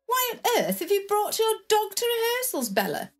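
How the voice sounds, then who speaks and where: A woman's voice: extremely high pitch, huge pitch swings, moderate pace, heavily acted. A woman playing a plummy posh lady. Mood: chatty. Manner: posh, fond of old-fashioned slang. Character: plummy upper-class woman Rose, tired.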